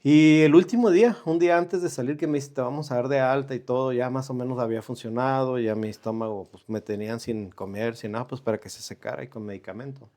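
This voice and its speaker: Man, mid-pitch, earnest and unhurried, tells his story with pauses, guest on a faith chat. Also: dark tone. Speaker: guest sharing a personal testimony. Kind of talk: conversational storytelling.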